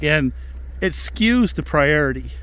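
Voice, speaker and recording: A man's voice: a little high, animated, slow, fairly bright tone, clear, resonant tone, low-quality recording. A man talking casually to camera as a working logger, in a folksy, plain-spoken way, outdoors in the woods. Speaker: logger presenting a video about his work. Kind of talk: casual vlog talk.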